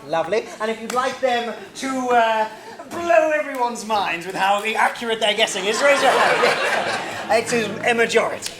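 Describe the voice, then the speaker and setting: A woman's voice: fairly high pitch, normal speed, few pauses, a crowd in the background, background noise. A woman narrating an improvised story live as story master, talking in a hesitant way full of fillers. The room is echoey, with a big audience reacting around her. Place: small theatre stage. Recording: roomy theatre with audience.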